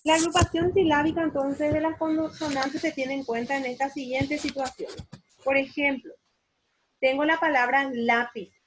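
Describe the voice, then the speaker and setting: A woman's voice: high-pitched, fairly even intonation, a little hiss or hum. A woman teacher with a Paraguayan Spanish accent, giving an online spelling lesson and explaining step by step with frequent check questions. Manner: slow, explanatory, asks rhetorical check questions. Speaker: university teacher.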